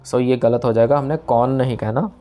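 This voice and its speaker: Male recitation teacher; mellow, warm tone, patient and repetitive, with soft music behind. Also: mid-range voice, fairly even intonation. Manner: patient, explains slowly, repeats words and chants the lines. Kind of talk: pronunciation lesson.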